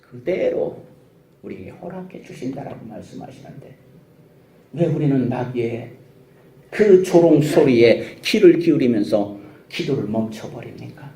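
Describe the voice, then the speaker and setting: A man's voice: mid-range voice, animated, unhurried, creaky, mellow, a little hiss or hum. A male pastor preaching a sermon, emphatic and full of rhetorical questions and calls of hallelujah. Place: church sanctuary. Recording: echoey church sanctuary.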